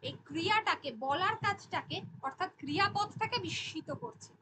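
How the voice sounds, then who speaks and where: A woman with a very high voice teaches a grammar class. She explains patiently and works through example sentences one by one. A steady noise sits behind her voice. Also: a little fast, poor audio. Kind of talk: online class lecture.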